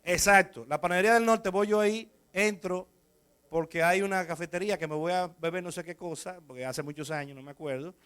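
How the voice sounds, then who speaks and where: Dominican pastor man, high voice, chatty storytelling sermon. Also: a little fast, smooth. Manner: lively, anecdotal, chatty with the congregation.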